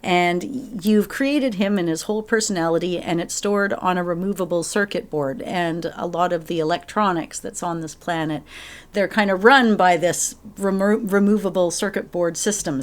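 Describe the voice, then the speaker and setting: A woman with a lowish voice talks through a classic game's plot for her podcast. She is chatty and eager, piling one detail onto the next. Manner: enthusiastic storytelling with laughs. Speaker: podcast co-host. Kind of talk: casual chat.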